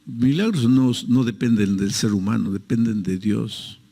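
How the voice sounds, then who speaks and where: A man's voice: fairly low pitch, measured pace, creaky, warm tone, slightly rough, long reverb tail. A male pastor preaching a sermon, telling a story earnestly and acting out its dialogue.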